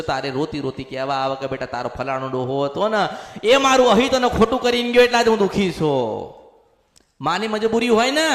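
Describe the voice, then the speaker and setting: The long reverb of an echoey hall surrounds a man preaching a possession sermon as a spiritual medium. Voicing a goddess in the first person, he repeats himself often, his high voice creaky with a fairly bright tone.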